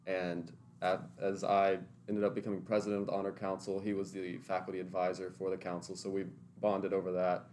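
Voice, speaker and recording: A man's voice: low voice, monotone, fairly quick, hardly any pauses, a little mellow, a little hiss or hum. A young man in his twenties from Tennessee, answering interview questions in an earnest, thoughtful way with a few restarts. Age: 20s. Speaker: interview guest, teaching intern.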